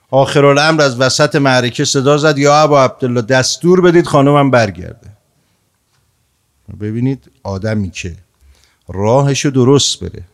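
A male preacher giving a sermon at a middle pitch, moving between forceful, raised phrases and soft, low-spoken remarks. His voice sits in an ordinary register for a man, and his delivery is earnest and persuasive. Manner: swings between raised emphatic lines and hushed low asides. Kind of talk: sermon with retold story.

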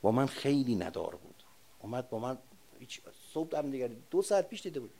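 Give me an older man preaching a sermon, switching between hushed storytelling and forceful, loud emphasis. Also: mid-range voice, big pitch swings, creaky. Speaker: religious speaker. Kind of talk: sermon with personal war memories.

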